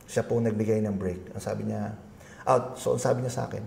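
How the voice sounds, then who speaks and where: A man's voice: fairly low pitch, steady tone, a little fast, creaky, a little mellow, reverberant, a little hiss or hum. A middle-aged man, a guest being interviewed, telling a long personal story in a polite, rambling way with many restarts. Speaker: guest, agribusiness consultant.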